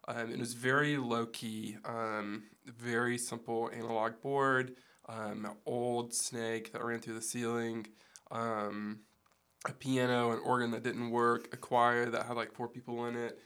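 A man with a gravelly, hoarse voice that sounds like it is giving out, chatting casually as an interview guest. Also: mid-range voice, flat delivery, unhurried, a bit bright. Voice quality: gravelly, losing his voice. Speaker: podcast guest, church production staff. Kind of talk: casual interview, recounting his background.

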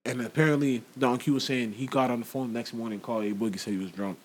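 A man's voice: mid-range voice, fairly even intonation, fast talker, slight background noise. A man chatting casually as a podcast host, rambling through a story with slang and restarts, acting out what others said. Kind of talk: casual chat about hip-hop gossip.

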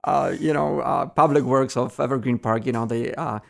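A man, a parish priest being interviewed, speaking haltingly with many fillers in a good-humored way. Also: mid-range voice, creaky. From Poland. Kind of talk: interview guest.

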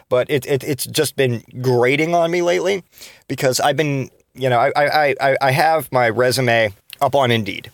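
Cursing and restarting as he vents, a thirty-something solo podcast host speaks in a medium-pitched voice. The studio recording is clean, with no echo.

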